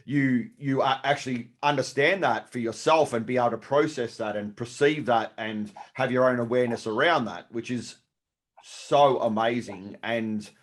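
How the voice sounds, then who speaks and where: A man's voice: medium pitch, moderate pace. A man hosting a podcast, musing reflectively in casual conversation. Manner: reflective, rambling with restarts. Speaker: podcast host. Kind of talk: casual interview chat.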